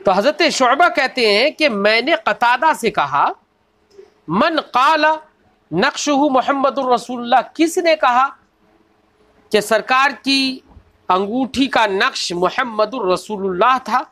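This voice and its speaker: A man teaching a religious lesson. He reads each quoted line slowly and deliberately, then explains it and often asks rhetorical questions of his listeners. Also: very high-pitched, animated, bright, forceful tone. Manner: slow, deliberate recitation of quoted text. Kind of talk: scripture lesson, reading Arabic then explaining.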